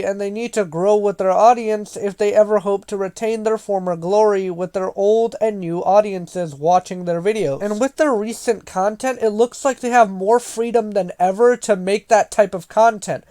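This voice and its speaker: A man's voice: high-pitched, a little mellow. A man doing casual commentary as he reads and answers comments, with a sarcastic, exasperated way of rebutting them. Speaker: video creator reading and answering viewer comments.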